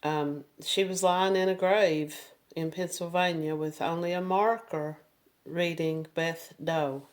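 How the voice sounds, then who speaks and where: A woman's voice: lowish voice, steady tone, slow pace. A woman hosting a true crime podcast, telling the story in a casual, conversational way with restarts and filler words.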